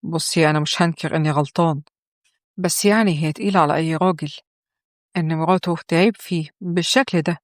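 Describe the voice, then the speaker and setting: A woman's voice: sits low, fairly even intonation, fast, no room sound, studio quality, natural voice. A woman voicing a coaxing, self-pitying young husband with a mocking edge, in an Egyptian accent. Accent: Egyptian Arabic.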